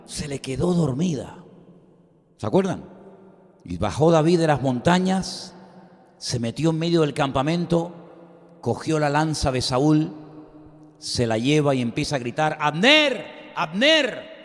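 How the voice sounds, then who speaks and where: A middle-aged man preaching a sermon the pulpit, emphatic and full of rhetorical questions to the congregation. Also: fairly high pitch. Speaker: pastor. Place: church sanctuary. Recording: long church reverb.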